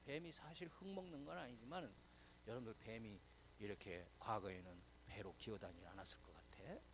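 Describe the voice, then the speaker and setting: A male pastor giving a chatty, conversational sermon, quizzing and teasing his congregation, dropping to a whisper and then swelling loud for emphasis. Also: lowish voice, a little fast, noisy background.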